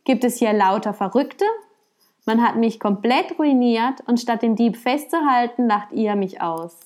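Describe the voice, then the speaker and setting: A woman's voice: medium pitch, animated, a little slow, darkish tone, natural voice. A woman voicing a frustrated wealthy man who complains and wails in a told story. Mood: wailing. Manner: complaining, wailing.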